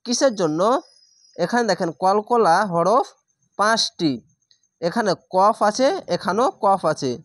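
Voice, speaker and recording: A woman teaching Quran reading in a step-by-step lesson. She spells out each letter, then draws out the recited word slowly. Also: medium pitch, no echo, studio quality. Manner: stresses throaty sounds by repeating them.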